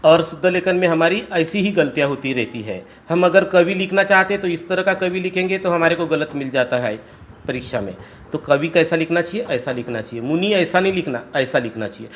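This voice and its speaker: A man teaching a grammar lesson to students, spelling words out sound by sound and asking them quick check questions. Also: a little high, fairly bright tone, slight background noise. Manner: explains step by step, asks students rhetorical check questions. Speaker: Hindi teacher. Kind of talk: classroom lesson.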